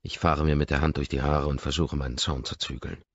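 A man's voice: very deep voice, level tone, fairly quick, breathy edge, lo-fi sound. A man narrating a first-person audiobook, with a brooding inner-monologue manner.

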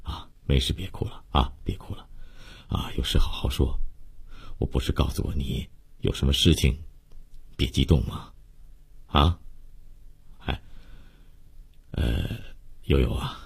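Guy doing a fussy doctor, coaxing and scolding gently, lots of ahs, deep husky voice. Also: a little slow, long pauses, full character voice. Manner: coaxing, scolding gently, full of 'ah' fillers. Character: fussing middle-aged male hospital doctor.

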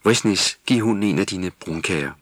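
A man's voice: low voice, a bit bright, no echo, clean studio sound. A man voicing a cheeky, bossy, hot-tempered female Christmas elf in a storybook recording. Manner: commanding, quick to scold. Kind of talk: storybook character voice.

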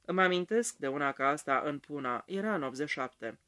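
A man voicing a blunt old gentleman with a hoarse, trembling voice. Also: fairly high pitch, animated. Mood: gruff. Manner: blunt, chuckling.

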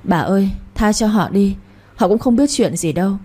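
A woman's voice: mid-range voice, lively intonation, moderate pace, mellow, breathy edge. A woman voicing a terrified young man who begs desperately for mercy. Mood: pleading. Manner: pleading, desperate.

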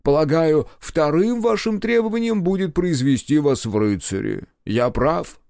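Stern sarcastic official, as a male narrator plays him, ironic, menacing, lively swings in tone, dry close sound. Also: a little high, a little slow, creaky, no room sound, voice pushed up. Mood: mocking menace. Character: stern, sarcastic senior government official, older man.

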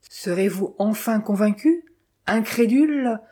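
Lady reading as a smug curt italian investigator man, dark husky tone. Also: medium pitch, lively intonation, moderate pace, close to an everyday voice.

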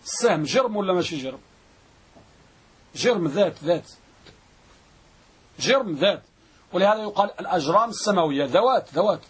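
A man teaching a grammar class, repeating definitions slowly and quizzing his students. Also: high-pitched, lively intonation, fairly bright tone, husky. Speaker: Islamic scholar teaching Arabic grammar.

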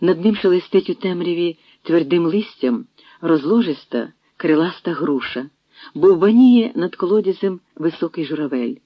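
An expressive audiobook narrator reads with lively, swooping intonation. The recording is dry and close, with a dull lo-fi quality. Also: mid-range voice, normal speed, dry recording. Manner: expressive storytelling reading.

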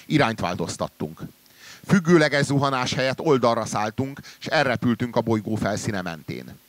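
A man reading a literary story aloud in a measured way, trailing low and quiet at the ends of sentences. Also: lively intonation, dry recording. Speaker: reader.

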